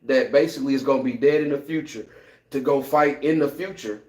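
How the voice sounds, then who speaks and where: A man co-hosting a podcast in casual chat, animated and slangy, acting out lines as he talks. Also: medium pitch, a little fast. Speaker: podcast co-host. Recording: echoey room.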